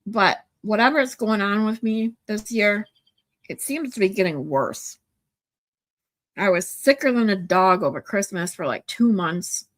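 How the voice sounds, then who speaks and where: In an unhurried, mid-range voice, a forty-something woman with a stuffy nose chats with her livestream viewers. Her talk rambles, full of ums and sentences she starts over.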